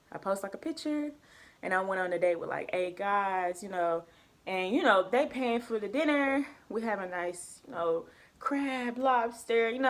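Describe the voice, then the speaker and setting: A young woman tells a story to camera in relaxed, slangy chat. She is animated and acts out the people she quotes, her voice swinging between high and low. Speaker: vlogger.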